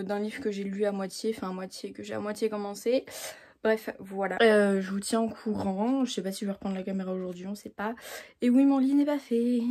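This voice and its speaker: A woman in her twenties chatting casually to her phone camera about her reading week, with many fillers and self-mocking asides. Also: medium pitch. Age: 20s. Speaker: book vlogger. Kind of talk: casual vlog chat.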